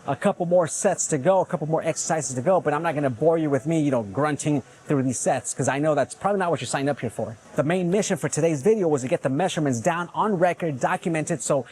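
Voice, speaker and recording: A man's voice: fairly high pitch, fast, few pauses, a little mellow, slightly rough. Upbeat, self-mocking man in his forties. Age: 40s. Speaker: fitness vlogger. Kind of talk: casual vlog talk to camera. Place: gym.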